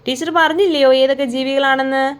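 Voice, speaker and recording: A woman's voice: high voice, steady tone, fairly quick. A young woman teacher explaining a workbook story to small children, asking questions and answering them herself.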